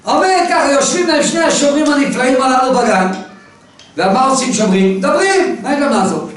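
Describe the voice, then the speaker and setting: A man with a very high voice tells a parable and keeps quizzing his listener as he goes. He is picked up by a mic set well back. The very reverberant room adds heavy echo. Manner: animated storyteller who quizzes his listener. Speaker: teacher telling a parable. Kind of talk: casual teaching with a parable. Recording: very echoey room, mic far off.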